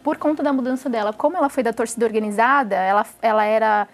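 High-voiced Brazilian woman, earnest testimony. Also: fast talker, soft background music. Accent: Brazilian Portuguese. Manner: earnest and emotional, tag questions. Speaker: former samba dancer giving testimony. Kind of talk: testimony interview.

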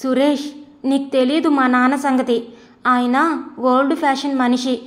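A woman's voice: high voice, flat delivery, measured pace. A woman voicing an anxious young woman in love, pleading earnestly.

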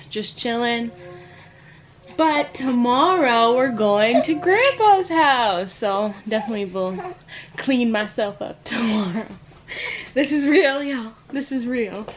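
A young woman chatting casually in a home vlog while caring for her baby son, slipping into high baby talk with him. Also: a little hiss or hum. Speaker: vlogger, first-time mother. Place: at home, in pajamas.

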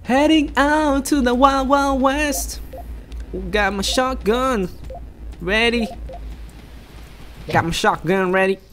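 A man putting on an exaggerated hick drawl, playing a rough cowboy ready with his shotgun. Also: very high-pitched, slow, pauses often, fairly bright tone, voice pushed up, full character voice. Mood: swaggering.

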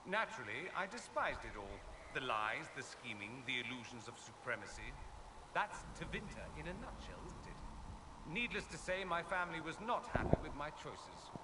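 A proud, wry male mage from a video game, all witty flourishes and theatrical charm. His lively voice rises and falls, sitting a touch high. The game audio sounds distant and is buried in loud noise. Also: moderate pace.

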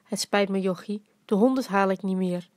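A woman's voice: medium pitch, moderate pace, a little mellow, no echo, lightly acted. Storybook grandpa, old man, dry rhyming jokester; woman reader doing him. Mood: teasing. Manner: dry joking, rhyming quips. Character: playful dying grandfather, old man, teasing.

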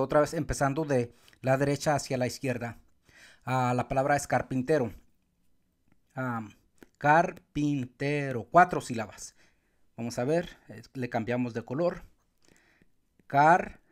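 A man teaching Spanish accent rules step by step, sometimes calling out words loudly to show where the stress falls. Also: mid-range voice. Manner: calls out words loudly to show the stressed syllable, counts syllables slowly. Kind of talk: explaining accent marks step by step.

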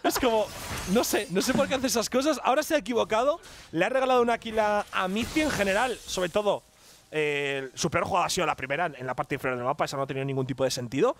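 A Spanish man commentating a live esports match, with a very high voice. He gets excitable and shouts through big plays. There is clear broadcast noise behind him. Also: fast talker. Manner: excitable, shouts during plays, laughs often.

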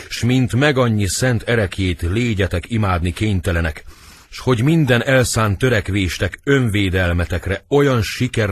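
A man voicing a cowardly, scheming young nobleman in a dramatic audiobook reading. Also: slightly rough. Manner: shrill, pleading stage delivery.

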